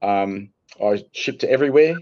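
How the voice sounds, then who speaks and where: A man with an Australian accent, a guest telling stories in a relaxed, dry-humored way during a casual interview. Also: on the low side, moderate pace, muffled recording. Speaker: guest, archery gear business owner.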